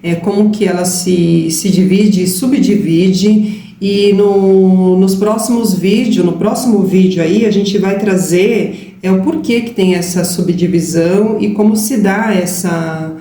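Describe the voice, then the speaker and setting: A woman co-hosting a spiritual talk, explaining calmly and affirming her partner's points. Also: medium pitch, measured pace. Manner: calm, affirming explanations with "gente" and "né?". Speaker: spiritual channel co-host. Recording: roomy with faint background hiss.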